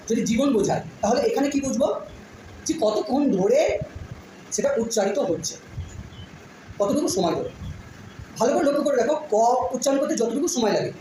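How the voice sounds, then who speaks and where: A woman teaching a phonetics lesson to a class, patiently repeating sounds and often checking that students follow. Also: a little high. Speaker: school teacher. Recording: very echoey room, noisy background.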